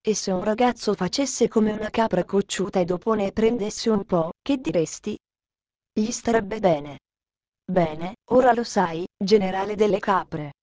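A stern but kind old mountain grandfather, given voice by a woman reading a storybook aloud. He scolds firmly and slowly, words weighed out one at a time. The sound is close and dry. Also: medium pitch, a little mellow, dry recording, close to an everyday voice. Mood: scolding.

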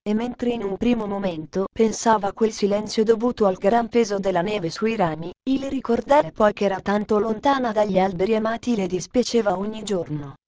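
Woman calmly narrating a storybook. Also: medium pitch, a little fast, hardly any pauses, a crowd in the background.

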